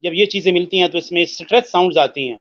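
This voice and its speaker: A man teaching English listening skills in an explanatory discussion, speaking slowly with many hesitations, mixing in English phrases and repeating words to show their stress. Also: high voice, fairly bright tone, dry recording, dull audio.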